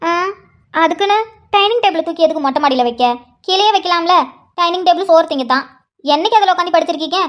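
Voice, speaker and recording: A woman's voice: extremely high pitch, fast talker. A woman voicing a preachy village mother who scolds her grown daughter. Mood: nagging. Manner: nagging, preachy.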